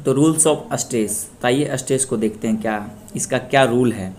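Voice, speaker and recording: A young man from Bihar, India, teaching a Spanish pronunciation lesson, explaining rules plainly and repeating example words loudly with stressed syllables. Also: mid-range voice, moderate pace, slight background noise. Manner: plain explanatory tone, mixes English terms into speech. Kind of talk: slow screen-share language lesson.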